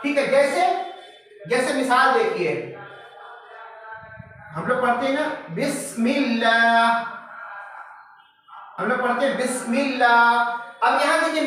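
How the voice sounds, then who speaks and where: Male recitation teacher, high voice, patient drill style with slow repeats, heard from a distance in an echoey room. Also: fairly bright tone. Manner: repeats each example word several times, stretching it out slowly; asks questions and answers them himself. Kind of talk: tajweed class lecture.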